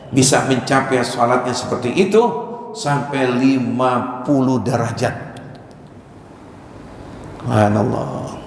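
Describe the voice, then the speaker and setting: A man giving a casual, joking sermon, slowly reciting Arabic phrases between chatty asides. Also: medium pitch. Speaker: preacher. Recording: echoey hall with faint ambient noise.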